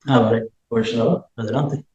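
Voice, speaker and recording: A man's voice: medium pitch, fairly even intonation, normal speed, darkish tone, roomy sound, lo-fi sound. A man on a video call whose voice comes through faint and distant, as if his mic or phone is held away. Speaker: participant in an online study session. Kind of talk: casual remarks on a video call. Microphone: faulty computer mic on a video call.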